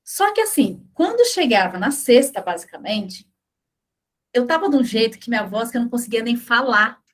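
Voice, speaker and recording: Brazilian woman, radio host, slightly high voice, chatty questions. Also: animated, normal speed. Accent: Brazilian Portuguese. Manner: chatty, asks questions with many fillers and tag questions. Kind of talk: conversational radio interview. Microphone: studio radio microphone.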